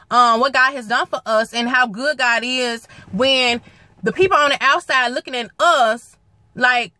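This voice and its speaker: A woman's voice: sits high, pushed and bright, no echo. A young woman preaching earnestly into a phone from a parked car, repeating her points for emphasis. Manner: earnest exhortation, repeats phrases, quotes scripture. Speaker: ministry vlogger. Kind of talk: preaching vlog. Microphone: phone at arm's length.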